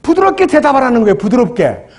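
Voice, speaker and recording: A man's voice: extremely high pitch, huge pitch swings, quick pace. A man preaching a sermon as pastor, asking the congregation questions and acting out prayers in his own words. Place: church.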